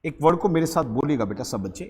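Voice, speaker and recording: A man teaching an English grammar lesson to a class, lively and quizzing his students with repeated questions. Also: fairly high pitch, quick pace, in a large hall. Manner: lively, quizzing students, calls them beta.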